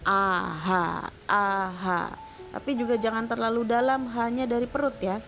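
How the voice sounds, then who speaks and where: Speaking fast in a slightly high voice with little pitch movement, a woman teaches the rules of Quran recitation. In this tajwid lesson she patiently demonstrates each sound by repeating it, with background music running under her voice.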